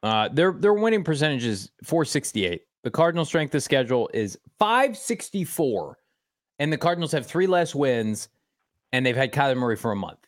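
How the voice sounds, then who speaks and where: An American man hosts a sports show with a mid-pitched voice. He is emphatic, repeating words for stress as he moves between opinion, ad reads and viewer messages. The sound is very dry. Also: sing-song, moderate pace, no room sound. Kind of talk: sports talk, reading ads and viewer messages.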